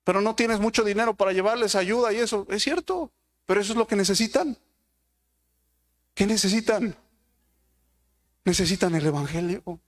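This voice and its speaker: High-voiced man preaching a sermon. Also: normal speed, long pauses. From Mexico. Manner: preaching with rhetorical questions to the congregation.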